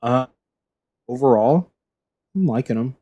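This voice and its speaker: A man's voice: medium pitch, animated, measured pace, mellow, husky, highs cut off. A man co-hosting a podcast, chatting casually and rambling, with his sentences often trailing off. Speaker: podcast co-host. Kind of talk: casual chat.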